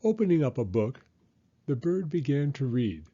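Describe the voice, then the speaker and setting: A man reading a children's picture book aloud as an expressive narrator. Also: mid-range voice, moderate pace, dull audio. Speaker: storybook reader.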